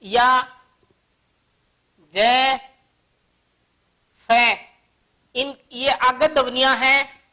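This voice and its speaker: A woman with a high voice teaches a grammar lesson for young children. She speaks slowly and patiently, working through one example after another. The recording sounds dull and lo-fi. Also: steady tone. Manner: slow, patient explaining with many examples.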